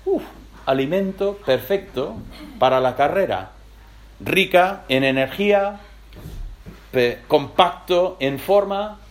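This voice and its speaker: A man from voicing a carefree young warrior prince in an upbeat, higher voice. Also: lively intonation, slow pace, long pauses. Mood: delighted.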